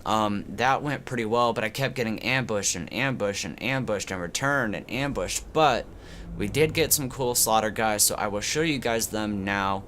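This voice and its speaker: Stuffy sick guy sounding like he's talking through a tube, lowish voice, rambly game commentary. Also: moderate pace, fairly bright tone, a little hiss or hum. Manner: rambling, loose, with many fillers and restarts. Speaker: gaming channel host. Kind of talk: casual gameplay commentary.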